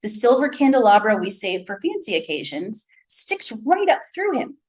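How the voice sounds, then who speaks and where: A woman's voice: a little high, normal speed. Woman reading her story aloud. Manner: lively storytelling, voicing a child narrator. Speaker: author and faculty reader.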